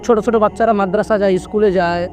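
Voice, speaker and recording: A young man preaching a sermon in an animated way, slipping English words into his talk and lowering his voice when he quotes others. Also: quick pace, soft background music. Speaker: Islamic preacher. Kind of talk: waz sermon.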